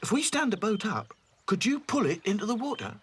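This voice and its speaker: A man voicing an eager, cheeky boy doll in a cartoon, quick to act. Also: high voice, very animated, slight background noise, pitched above the performer's own voice.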